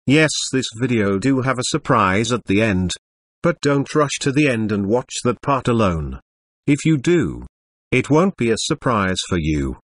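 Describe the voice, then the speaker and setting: A synthetic, stilted male computer voice, like an old speech synthesizer, narrating a scripted software tutorial. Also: medium pitch, very animated, a little slow, no room sound, studio quality. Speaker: tutorial presenter.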